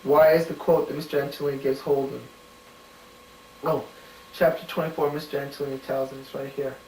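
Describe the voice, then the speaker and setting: A man giving casual spoken answers to study questions, halting and full of "you know" and "um", thinking aloud as he searches a book. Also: medium pitch, little pitch movement, a little mellow, a little hiss or hum. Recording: roomy home recording from a distant mic.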